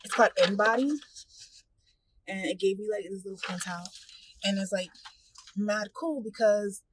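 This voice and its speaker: A woman's voice: mid-range voice, normal speed, noisy background. A woman in her thirties talking casually to her camera as a vlogger, candid and full of fillers. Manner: chatty, candid, filler-heavy; hushed, nervous whispering in waiting room. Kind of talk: casual vlog chat.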